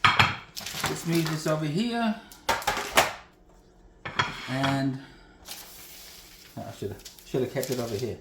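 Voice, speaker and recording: Demonstrating a recipe in his echoey kitchen, this home cooking host chats in a folksy, rambling manner. His mid-range voice swings widely in pitch, moving slowly with frequent pauses, and the recording is very noisy.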